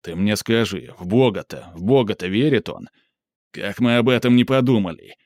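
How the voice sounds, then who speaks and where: A man reading aloud and voicing a brooding, quick-tempered young man, low and intense. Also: expressive, a little mellow, dry recording, clean studio sound, natural voice.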